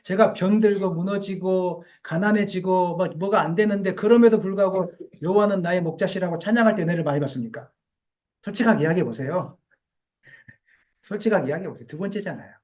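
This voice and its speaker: High-voiced male pastor preaching. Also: fairly quick, darkish tone. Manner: emphatic, with rhetorical questions to the congregation. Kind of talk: sermon. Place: church sanctuary.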